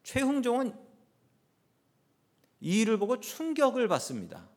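A man's voice: very high-pitched, huge pitch swings, a little slow, darkish tone. A man who is a pastor, preaching a sermon and telling a story with rising and falling emphasis.

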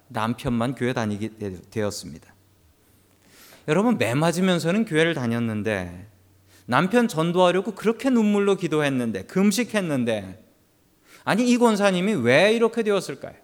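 A man's voice: fairly high pitch, big pitch swings, normal speed. A male pastor preaching a sermon, telling stories with humorous asides to the congregation.

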